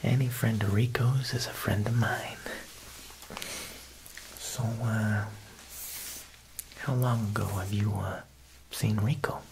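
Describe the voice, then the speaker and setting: The low-quality recording carries a little hiss or hum as a young man whispers slowly, his lowish voice level in intonation, with vocal fry and frequent pauses. His ASMR roleplay casts him as a tailor who is a jokey, faintly menacing Italian mob boss, heavy on wiseguy talk and "huh" tags.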